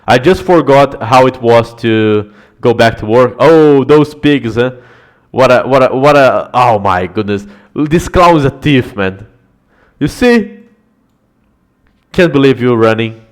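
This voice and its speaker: Guy casting a strategy game on stream, swears a bunch, laughs, chats with chat, normal pitch. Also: lively intonation, slow. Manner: swears often, chats with viewers, laughs a lot. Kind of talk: casual live-stream game analysis.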